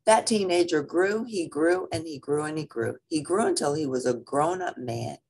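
A woman with a husky, low voice reads a children's picture book at a moderate pace. Her reading is dramatic and expressive, and she draws out the repeated phrases.

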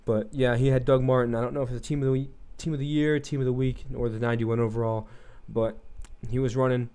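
A man's voice: mid-range voice, flat delivery, fast talker, mellow, clear, resonant tone. A young man rambling through casual gameplay commentary, loose and profane, filling gaps with likes and ums, his throat a little froggy. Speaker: gaming commentator.

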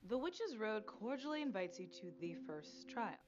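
A woman's voice: medium pitch, expressive, moderate pace, natural voice. An actress playing a witch who reads riddles aloud and passes on gossip, with a dramatic manner. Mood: reading aloud. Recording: dull audio under loud film score.

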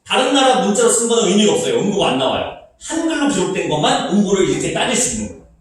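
A man's voice: high-pitched, racing. A male Korean literature teacher giving a chatty lecture, asking questions and answering them himself. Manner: animated, chatty, asks and answers his own questions. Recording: echoey room, mic far off.

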